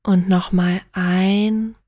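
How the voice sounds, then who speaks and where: A woman narrating a bedtime sleep story and guided relaxation in a gentle, soothing, partly near-whispered voice. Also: medium pitch, flat delivery, drawn-out words, no echo, clean studio sound.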